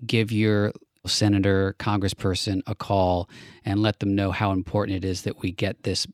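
A man hosting a relaxed political talk show, speaking earnestly and pausing on fillers as he thinks. His voice sits fairly low and sounds smooth and resonant. The sound is dry and close. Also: no room sound. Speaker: podcast host. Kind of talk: casual political chat.

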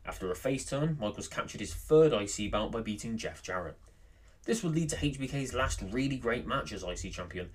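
A man hosting a scripted top ten countdown, narrating emphatically with deliberate pauses for stress. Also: fairly low pitch.

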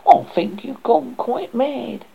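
A reader voicing a bossy, scornful little hen who lectures in a gravelly, husky voice. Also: mid-range voice, lively intonation, takes it slowly, lo-fi sound, pitched above the performer's own voice, exaggerated voice. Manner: lecturing, haughty.

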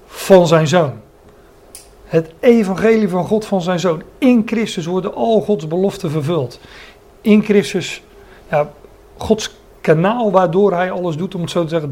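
Man, preaching a sermon, fairly high voice, restates phrases, stops to search for words. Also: a little mellow. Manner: explaining Greek word meanings.

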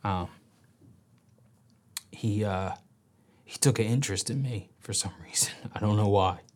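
A man's voice: fairly low pitch, unhurried, a little mellow. A man speaking in an interview, telling his own story candidly. He sometimes drops to a near whisper and acts out quoted voices with animation. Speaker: interview guest. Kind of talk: personal storytelling.

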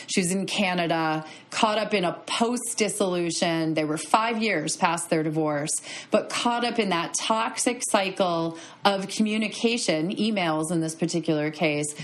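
A woman with a lower voice hosts a podcast interview. She is a divorce attorney and speaks in an enthusiastic, affirming way. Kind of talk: conversational interview.

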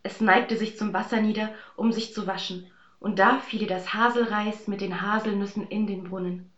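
A woman telling a fairy tale in a calm, even storytelling voice. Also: mid-range voice, normal speed, reverberant, lo-fi sound.

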